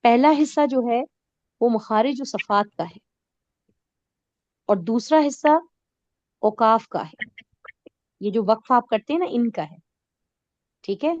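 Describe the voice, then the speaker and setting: A woman's voice: a little high, lively intonation, pauses often, darkish tone, no echo, dull audio. A woman teaching an online recitation class, explaining rules patiently with everyday examples and checking that her students follow.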